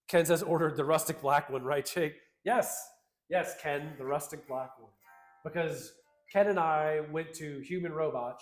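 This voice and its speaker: A man's voice: a little high, reverberant. A man co-hosting a casual livestream, reading out chat comments in an upbeat, slangy, rambling way.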